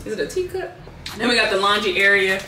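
A woman's voice: mid-range voice, very animated, fast, pushed and bright, roomy sound, a little hiss or hum. A woman in her thirties giving a laid-back, chatty house tour to her viewers on a handheld camera. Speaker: vlogger. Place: indoors and backyard of a house.

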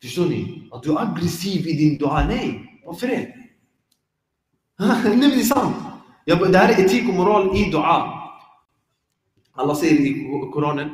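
A man giving an informal religious reminder to a congregation, lively and animated, acting out everyday examples with laughs. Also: fairly high pitch, pauses often. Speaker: preacher giving a dawn reminder. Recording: echoey hall with long reverb.

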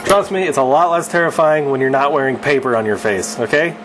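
Brisk and a bit bright, the mid-range voice of a man in his thirties explains welding to his wife inside their garage, self-deprecating and casual. He hosts the channel, and a little hiss or hum runs through the audio.

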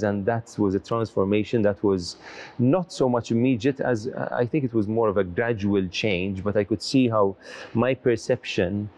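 This is a middle-aged Maltese man, a priest who also lectures, being interviewed in a large church. His voice is low-ish and a little mellow, and his answers come across as earnest and reflective, frequently breaking off and restarting.

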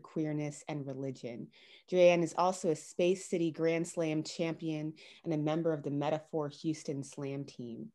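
A woman in her thirties with a low voice and dark tone serves as MC over a video call, hosting an event informally. She is a creative writing teacher, speaking from a small room at home.

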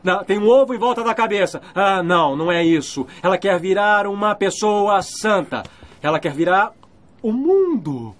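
A man dubbing an earnest young groom in a film, guessing quickly and excitedly. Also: high-pitched. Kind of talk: dubbed film acting.

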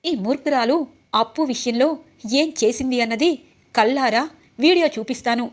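A woman's voice: fairly high pitch, moderate pace, close to an everyday voice. A woman reading the lines of an angry, defiant young man who has been drinking.

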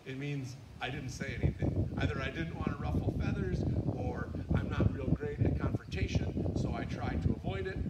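Guy preaching outdoors, chatty, lots of ums, kinda far off the mic, echo and loud traffic noise. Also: a little high, moderate pace, few pauses, highs cut off. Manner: plain-spoken, asks listeners questions, frequent ums. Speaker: pastor preaching. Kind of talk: casual conversational sermon. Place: outdoor church courtyard service. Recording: echoey, distant outdoor sound with loud noise.

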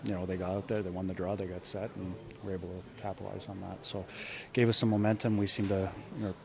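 A middle-aged man, a head coach, answering reporters after a game in a measured way, often restarting his sentences. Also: low voice, flat delivery, creaky, a crowd in the background. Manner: measured, frequent restarts and repeated words. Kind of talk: postgame press conference. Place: indoor media room before a sponsor backdrop. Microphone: cluster of handheld reporter mics.

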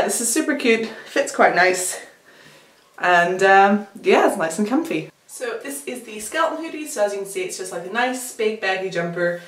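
A woman's voice: medium pitch, fairly bright tone. Chatty woman in echoey room. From United Kingdom. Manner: chatty, giggly, many fillers. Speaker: vlogger. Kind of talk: casual haul video. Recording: echoey room, faint noise.

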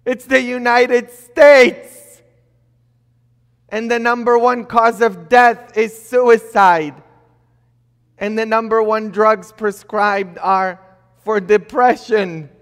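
A man's voice: sits high, steady tone, slow, a bit bright, smooth. A middle-aged man, a priest, preaching a sermon from a church pulpit, building emphasis and tossing in rhetorical questions. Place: church sanctuary, indoors. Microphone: fixed camera at a distance, pulpit. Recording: long reverb of a church hall.

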